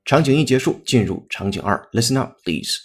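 A man's voice: medium pitch, expressive, soft background music. Man teaching pronunciation step by step. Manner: explanatory, spells words out and repeats them slowly. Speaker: English teacher. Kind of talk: pronunciation lesson.

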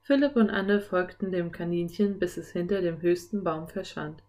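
A woman narrating a children's audiobook in a clear, even storytelling manner. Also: fairly low pitch, normal speed.

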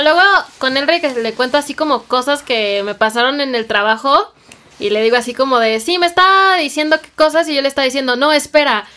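A woman's voice: high-pitched, fairly bright tone. A Mexican woman chatting casually and acting out past conversations in a Mexican accent. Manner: chatty, acts out quoted exchanges. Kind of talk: casual chat.

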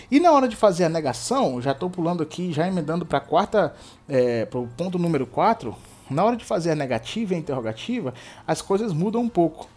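Brief: Brazilian male English teacher, slightly higher voice, patient and repetitive. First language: Portuguese. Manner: explanatory, repeats examples, frequent "tá?" checks. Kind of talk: explaining grammar to students.

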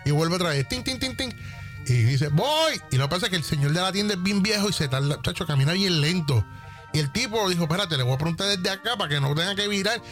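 A man's voice: sits high, fast talker, faint music behind. A man, a podcast guest telling jokes and acting out dialogue and sound effects. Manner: animated storyteller, acts out dialogue and sound effects. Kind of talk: casual joke telling.

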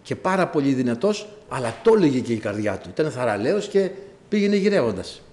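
A man preaching a sermon, telling stories and addressing the congregation directly in an animated way. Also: mid-range voice. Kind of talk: sermon with storytelling.

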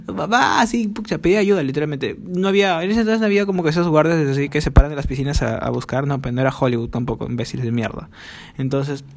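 A young-sounding man races through a rambling podcast monologue. His voice sits a little high for a man, and his talk is loaded with crude swearing, fillers and self-mockery. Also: a little mellow. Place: home, recording alone.

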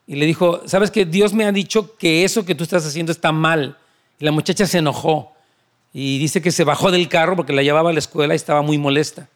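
A man preaching a sermon, telling stories conversationally and repeating key phrases for emphasis. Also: a little high.

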